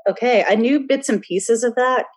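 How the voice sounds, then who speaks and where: A woman's voice: on the high side, moderate pace, slightly rough. A woman hosting a casual podcast interview, asking curious, friendly questions and giving short reactions. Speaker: podcast host.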